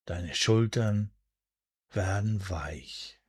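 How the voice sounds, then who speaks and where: A man guiding a sleep hypnosis in a soothing, hushed, deliberate way, with a soft breathy voice and drawn-out pauses. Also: deep voice, no room sound, studio quality. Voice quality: breathy, soft, at times near a whisper. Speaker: hypnosis and relaxation guide. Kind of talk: guided sleep hypnosis, scripted narration.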